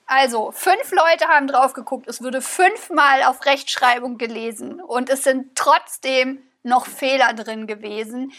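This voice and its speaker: High-voiced inquisitive woman. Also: unhurried, few pauses, a bit bright. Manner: inquisitive, thinks aloud with repetitions. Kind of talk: casual podcast chat.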